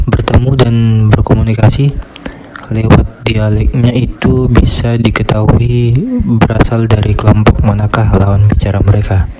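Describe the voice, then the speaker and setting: A young man, a student, reading his class presentation in a steady, scripted way. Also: fairly low pitch, heavy background noise. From Indonesia. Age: young adult. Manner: steady, reads from a script in a flat tone.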